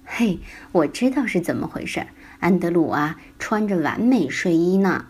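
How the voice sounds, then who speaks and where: A woman voicing a calm, knowing mother in a children's story. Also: on the low side, normal speed, breathy edge.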